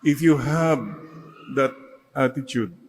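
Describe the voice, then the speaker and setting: Filipino priest preaching slow, keeps getting the church to repeat after him. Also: male voice, medium pitch, a little hiss or hum, low-quality recording. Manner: mixes Tagalog and English, leads the congregation in call-and-response. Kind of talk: sermon.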